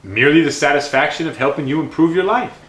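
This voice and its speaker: A smooth-talking devil salesman. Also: fairly high pitch, lively intonation, fast, a bit bright. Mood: soothing. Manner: persuasive, mocking. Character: smooth-talking male devil posing as a salesman, scornful of humanity. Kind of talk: short film acting. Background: music.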